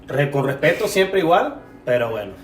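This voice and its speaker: A man co-hosting a relaxed film-chat podcast, wandering through his points and stumbling over words. He sits back from the microphone in an echoey room. A faint hiss runs under his voice. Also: on the high side, moderate pace, far from the mic. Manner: rambling, self-correcting, laughs often. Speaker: podcast co-host. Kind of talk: casual film-discussion podcast.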